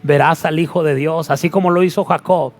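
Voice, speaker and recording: A man's voice: fairly high pitch, fairly even intonation, brisk, faint music behind, close to an everyday voice. A man voicing Jesus in a retold Bible scene, speaking in a tender, intimate way. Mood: assuring.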